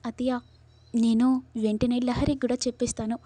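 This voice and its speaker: Woman doing a happy young daughter-in-law, slightly high, mellow, even. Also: brisk, dry recording, lightly acted. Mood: eager. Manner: plain read-out lines, hardly acted.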